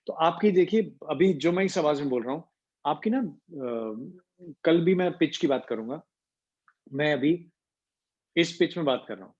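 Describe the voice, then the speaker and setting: A man leads a voice training class, moving between Hindi and English. His voice sits a little high, and he hums to show how pitch moves. The sound is muffled and lo-fi, like a video call. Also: expressive, a little mellow. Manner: mixes Hindi with English, demonstrates pitch with hums and slow pauses. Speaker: voice coach.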